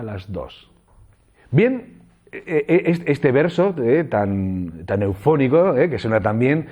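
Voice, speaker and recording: A man from Spain lecturing trainee teachers, his pitch rising and falling a lot as he explains step by step. He keeps checking in with short tag questions. The sound is dull and lo-fi. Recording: dull lo-fi audio.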